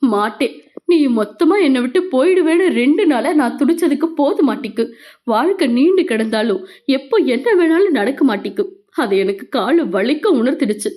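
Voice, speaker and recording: A woman's voice: high-pitched, animated, moderate pace, darkish tone. A woman voicing a tearful devoted young man. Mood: tearful pleading. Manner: tearful, pleading.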